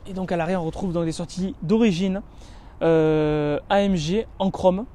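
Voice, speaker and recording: A man presenting a car in a casual walkaround, chatty and descriptive, running through features with lots of "so" and "uh" and stressing what excites him. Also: high-pitched, moderate pace. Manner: chatty and descriptive, listing features with many connecting "donc"s and "euh"s. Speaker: car reviewer.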